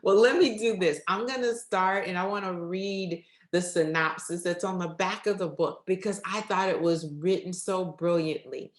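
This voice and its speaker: Her lowish voice stays fairly even in intonation, moving at a moderate pace with hardly any pauses. She's the effusive host of an upbeat faith talk show, speaking right to her audience, recorded in a roomy, echoey space.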